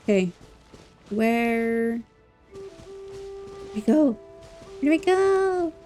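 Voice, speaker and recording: Chatting playfully with viewers during a casual game livestream, this woman repeats words and stretches them out. Her voice is a little high and warm, with lively intonation and drawn-out words, and faint music plays behind her.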